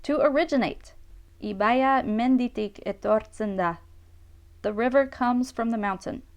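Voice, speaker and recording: Woman teaching grammar, bit high voice, reads example phrases slow and careful then translates. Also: darkish tone. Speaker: language teacher. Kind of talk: scripted grammar lesson narration.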